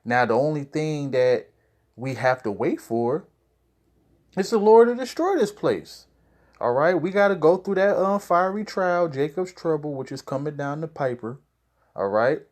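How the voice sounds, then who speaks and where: Explaining scripture to camera in a casual preaching style, this man has a slightly high voice with lively intonation and a measured pace. He keeps dropping in "all right?" and "you know" to check on his listeners.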